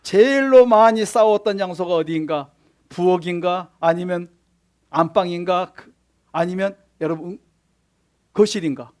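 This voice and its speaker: A man's voice: sits high, measured pace, a little mellow. A male pastor preaching a sermon in church, often putting questions to the congregation and answering them. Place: church sanctuary.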